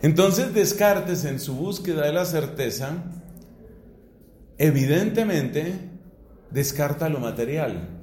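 A middle-aged man from Colombia, a priest, giving a philosophy lecture in a slow, deliberate way with rising emphasis. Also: a little high, animated, darkish tone, a little hiss or hum. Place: classroom or hall. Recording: echoey room.

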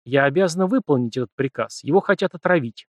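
A frightened young slave woman, as a male narrator voices her, pitched well above his own voice and soft, with a timid, pleading manner. The sound is dry and close. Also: expressive, quick pace, no echo, natural voice.

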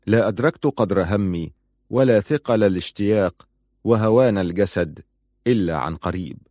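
A man's voice: on the low side, moderate pace, dark tone, dry recording, clean studio sound, lightly acted. A stern young soldier, voiced by a man. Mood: tender. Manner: firm, decisive.

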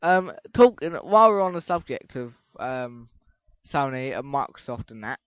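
In this dull, lo-fi recording with no echo, a teenage podcast host talks on his own, rambling, cursing casually, and starting sentences over. His mid-range voice is smooth and sing-song, moving at a moderate pace.

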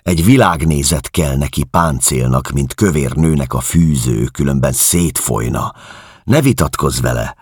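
A man's voice: a bass voice, husky, no echo, studio quality. A man voicing a fierce, defiant young woman speaking with cold scorn. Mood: defiant scornful.

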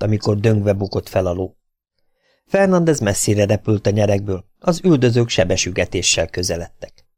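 A male audiobook narrator reads an adventure novel in a steady, even way, with a low, gravelly voice. The recording is dry and close, with no room sound. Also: no room sound.

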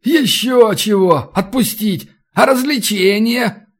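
In an audiobook, a man doing a boisterous brawler, loud and mocking, haggling over a prize. The voice sits high and moves with swaggering energy. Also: takes it slowly. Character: boisterous bargaining male brawler, Belarusian.

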